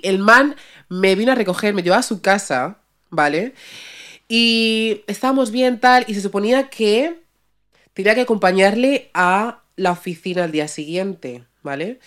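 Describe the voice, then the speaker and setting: A woman podcast host casually telling a personal story, chatty and slangy, dropping in English words. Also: mid-range voice.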